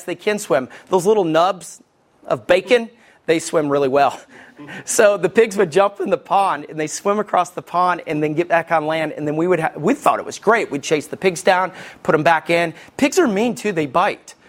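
A man, preaching a sermon as lead pastor from Alabama with folksy, animated storytelling. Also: high-pitched.

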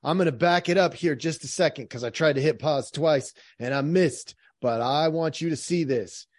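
Energetic man teaching on his podcast. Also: on the high side, normal speed, no room sound, clean studio sound. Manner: energetic, emphatic, teacherly, frequent "all right". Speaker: podcast host. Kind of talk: explanatory podcast commentary.

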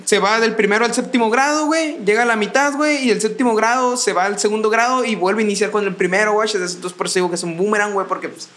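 A man's voice: high-pitched, fast talker, hardly any pauses, fairly bright tone. A young man with a Mexican accent, co-hosting a podcast and rambling through a casual music review in slangy talk, laughing often. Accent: Mexican Spanish. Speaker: podcast co-host.

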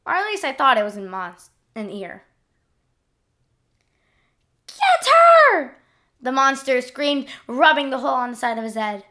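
A woman narrating a scripted first-person adventure story in an expressive diary-like manner. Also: high-pitched, a little fast, few pauses.

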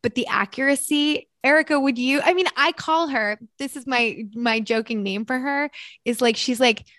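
Woman podcast co-host; effusive and chatty, slightly high, dry sound. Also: normal speed, fairly bright tone, dry recording. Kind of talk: casual podcast chat.

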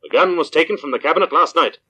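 An actor playing a stern, all-knowing unseen avenger in a vintage radio drama, slow and commanding, through a filtered voice. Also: male voice, fairly high pitch, bright, forceful tone, slightly rough, voice pushed up, full character voice. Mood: accusing, stern. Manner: slow, ominous, commanding pronouncements. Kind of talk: 1940s radio acting. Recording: dull lo-fi old radio recording.

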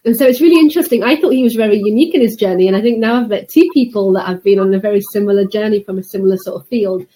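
A woman's voice: medium pitch, racing, mellow, poor audio. A woman interviewing conversationally as a podcast host, musing at some length before her questions.

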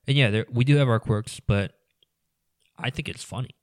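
A man's voice: mid-range voice, moderate pace, dry recording, clean studio sound. A man talking as a guest on a casual podcast, rambling with many "you know"s and trailing into mumbles.

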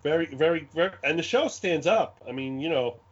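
Brooklyn accent guy, kinda high voice, rambling excited chat, repeats himself, muffled lo-fi audio. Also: a little fast, slightly rough. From Brooklyn, New York. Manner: animated, rambling, repeats phrases. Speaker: guest, game scenario designer. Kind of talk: casual chat, anecdotes. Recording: dull lo-fi audio.

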